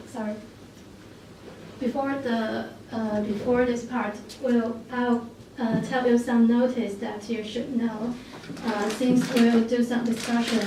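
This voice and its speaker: A woman's voice: fairly high pitch, mellow. Hesitant woman moderator, echoey room. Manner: slow, halting, many fillers. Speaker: focus group moderator. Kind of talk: hesitant moderation of a group discussion. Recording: echoey room from far off, noisy.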